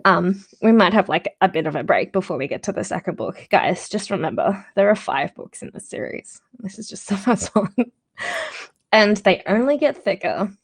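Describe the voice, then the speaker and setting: Giggly woman reading aloud with vocal fry. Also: mid-range voice, animated, normal speed. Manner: giggly, chatty, apologetic asides. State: slightly out of breath. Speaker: book reader on a livestream. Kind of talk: reading a novel aloud with chatty asides.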